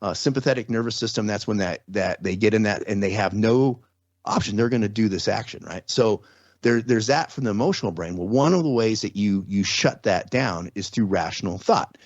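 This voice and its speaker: In a casual explanatory interview, a male podcast guest breaks things down step by step with everyday examples. He speaks briskly in a lowish voice, and the recording is dry and muffled.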